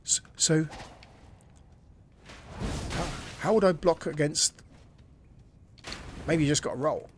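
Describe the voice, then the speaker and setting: A gaming channel host chats casually while playing a video game, thinking aloud and reading the tutorial text as he goes. His voice is fairly high and slow with long pauses, and there is slight background noise.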